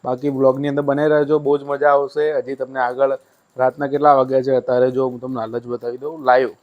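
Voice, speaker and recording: A man's voice: medium pitch, level tone, fast. Man vlogging at home, slightly lo-fi. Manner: chatty, coaxing a small child. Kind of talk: casual family vlog. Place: home at night. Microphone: handheld mic.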